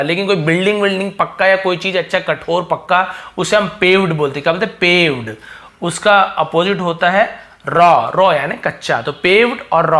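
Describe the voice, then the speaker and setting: A male teacher with a slightly high, sharp and bright voice runs his own channel's English lesson. He explains patiently, repeats every word and asks his students questions along the way.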